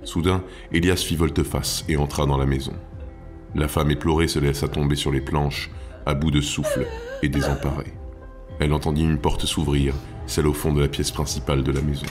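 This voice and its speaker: A man narrating his own audiobook in a measured, storytelling manner. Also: a bass voice, little pitch movement, over music.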